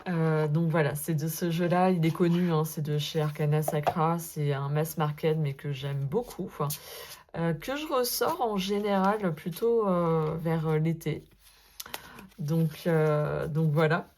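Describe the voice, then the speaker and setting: A woman talking casually to her viewers about her tarot cards, full of hesitant fillers and gentle asides. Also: low voice, fairly even intonation, unhurried, slight background noise. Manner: hesitant, many filler euhs, gentle and self-deprecating. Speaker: sophrologist and tarot vlogger. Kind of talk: casual spoken vlog, addressing viewer as tu.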